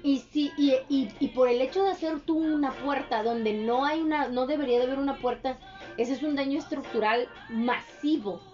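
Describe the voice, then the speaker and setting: A woman's voice: high voice, darkish tone, muffled recording, soft background music. A woman chatting casually as a podcast co-host, acting out neighbors in little voices. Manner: chatty, acts out neighbors' lines in quick voices. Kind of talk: casual chat.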